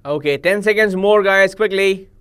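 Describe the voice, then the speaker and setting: A man with an Indian accent runs a live online vocabulary class, speaking slowly and deliberately. He coaxes his viewers, repeating every answer and pressing them to type along. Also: high voice, a bit bright, clean tone. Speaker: exam coaching teacher.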